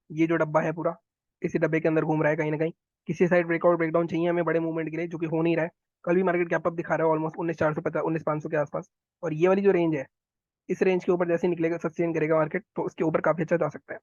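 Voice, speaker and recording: A man talking viewers through market charts, quick and instructive, often repeating his phrases. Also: high-pitched, no room sound, muffled recording. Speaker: stock market analyst. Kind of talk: chart analysis walkthrough.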